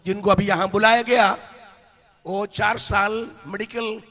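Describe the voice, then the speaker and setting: A man delivers an impassioned sermon in a high, forceful voice. He tells stories and rises to shouted peaks. The sound carries the long reverb of a big hall. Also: fairly even intonation, unhurried. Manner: impassioned, builds to shouted climaxes; storytelling with anecdotes. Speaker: preacher. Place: large hall with a live congregation.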